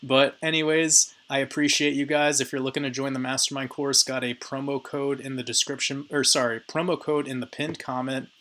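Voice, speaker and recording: A man with a hoarse, raspy voice giving casual chart analysis commentary on crypto markets and addressing his viewers directly. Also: mid-range voice, little pitch movement, fairly quick, few pauses, fairly bright tone. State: hoarse, raspy voice from talking a lot.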